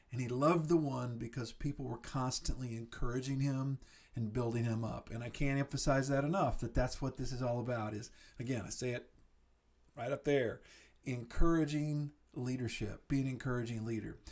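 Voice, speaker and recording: A man's voice: mid-range voice, normal speed. Earnest man giving a recorded lecture. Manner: earnest, encouraging, repeats and restarts words. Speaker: student services presenter. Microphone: computer mic on a video lecture.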